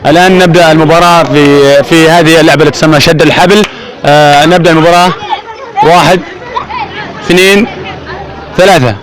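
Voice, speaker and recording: A man's voice: on the high side, steady tone, very fast, a bit bright. A man hosting a contest show in formal announcer phrasing, calling out questions, winners and prizes. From Yemen. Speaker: host of a Ramadan contest show. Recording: crowd noise behind. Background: crowd of participants.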